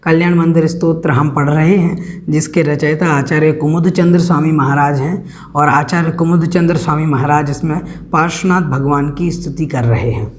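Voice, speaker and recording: A man teaching a recorded scripture lesson, explaining the text slowly and repeating words to show how they are pronounced. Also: on the high side, fairly even intonation. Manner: slow, careful, repeats words for pronunciation. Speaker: religious teacher.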